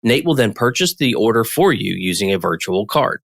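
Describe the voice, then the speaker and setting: A man's voice: fairly low pitch, expressive, moderate pace, gravelly, fairly bright tone, no echo, clean studio sound. A man from the United States hosting a payments podcast, reading a scripted intro and then chatting with his guest. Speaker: podcast host. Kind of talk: podcast interview.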